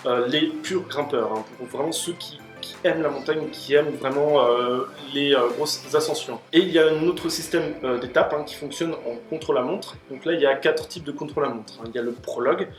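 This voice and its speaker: A man with a voice on the high side speaks at a moderate pace, hosting a casual Q&A video about cycling. He explains at length with many fillers and restarts, recorded in a roomy space with faint music.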